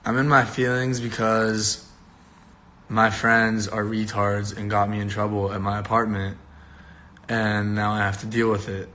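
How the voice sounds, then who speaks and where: A young man hosting a casual livestream, tired and rough-voiced, rambling loosely and swearing casually. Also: lowish voice, level tone, unhurried, bright, forceful tone. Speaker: livestream host. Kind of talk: casual live-stream chat.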